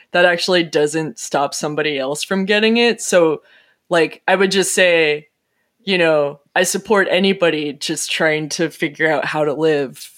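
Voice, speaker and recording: A podcast speaker in casual political chat, animated and playful, speeding up in quick bursts. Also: medium pitch.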